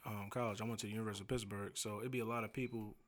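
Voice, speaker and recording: A young man with a deep bass voice, a podcast guest chatting in a laid-back, dryly funny way. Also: flat delivery, rapid-fire, slight background noise. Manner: laid-back, dry humor. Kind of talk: casual podcast chat.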